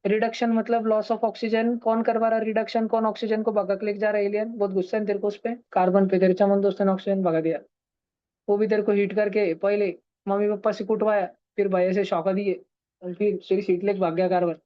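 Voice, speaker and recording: A man's voice: sits high, level tone, fairly quick, no room sound. A man, teaching science in an online class and teasing his students. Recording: dull, dry online-class audio.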